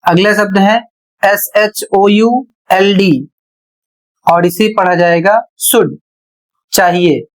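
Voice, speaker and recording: A male teacher walks through an English pronunciation lesson at a very unhurried pace. He spells each word out letter by letter before saying it, then explains the rule patiently. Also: sits high, steady tone.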